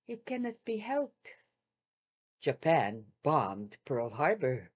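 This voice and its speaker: An older woman on a video call, reading a first-person wartime memoir aloud in a measured, heartfelt way with long pauses. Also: low-pitched, very animated, a little mellow, slightly rough, dull audio. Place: home room with shoji screens. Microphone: video call webcam.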